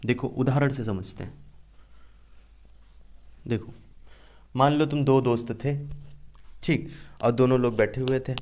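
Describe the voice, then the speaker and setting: Young male teacher, lively classroom explainer, acts out his examples. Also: mid-range voice. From India. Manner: explains by repeating and asking questions back. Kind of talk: classroom grammar lesson.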